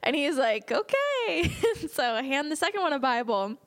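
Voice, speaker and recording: A woman evangelist telling a story in a sermon, in a lively, conversational way. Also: high-pitched, a little fast. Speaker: evangelist speaker.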